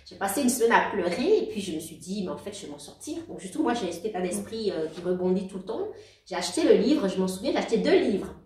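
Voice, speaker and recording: This guest, a woman in her forties from outside Belgium, talks about her life in a casual interview, warm yet halting, full of restarts and laughs and revisiting her words. Her voice is mid-range; she sounds a little distant in a roomy space, as over a video call, with slight hiss or hum.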